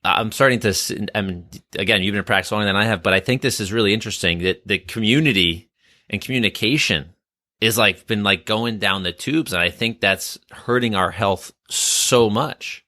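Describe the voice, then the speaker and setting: Low, forceful podcast host man. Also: normal speed, no echo, studio quality. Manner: agreeable, searching for words. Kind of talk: casual podcast chat.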